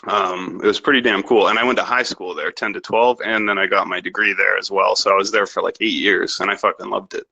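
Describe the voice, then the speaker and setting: A man's voice: low-pitched, steady tone, brisk, creaky, hardly any pauses, pushed and bright, breathy edge, lo-fi sound. A young man from Canada, a podcast guest telling rambling, profane, self-assured stories about his upbringing. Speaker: interview guest. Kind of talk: casual podcast interview.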